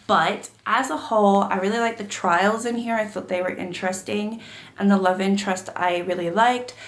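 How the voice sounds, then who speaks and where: A woman book YouTuber with a medium-pitched voice chats casually to camera while getting over a cold, her throat gravelly. The sound is roomy, and she uses lots of fillers and restarts.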